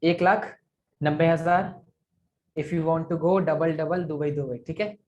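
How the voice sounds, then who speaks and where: A man's voice: fairly high pitch, steady tone, slow, a little mellow, lo-fi sound. Man coaching sales over a video call. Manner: coaching, repeats figures aloud, asks "ठीक है?". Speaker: affiliate marketing sales trainer. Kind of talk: live online training session.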